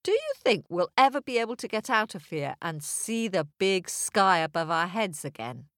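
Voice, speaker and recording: A woman's voice: medium pitch, very animated, normal speed, a bit bright, no echo, clean studio sound. A woman voicing a crowd of weak, starving people in a storybook tale, chanting in sing-song. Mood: hopeful.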